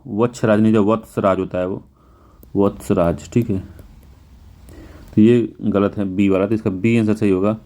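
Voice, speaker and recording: A man teaching a spelling lesson for an exam, going through test answers, repeating words slowly and correcting himself often. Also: fairly low pitch, dark tone. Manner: repetitive, self-correcting, often says "ठीक है"; slows and stretches words to spell them out.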